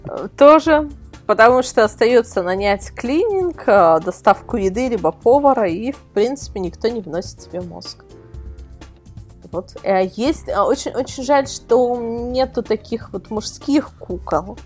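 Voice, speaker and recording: A woman who edits a magazine-style portal appears as an expert guest on a casual podcast, answering interview questions in a chatty, explanatory way. Her fairly high voice has lively intonation at a measured pace. Faint music plays behind her.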